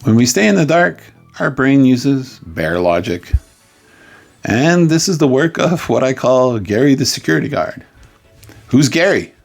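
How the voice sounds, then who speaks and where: Gravelly-voiced man giving a playful coaching talk. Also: mid-range voice, expressive, a little slow, soft background music. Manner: playful, jokey storytelling with sudden loud outbursts. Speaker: life coach.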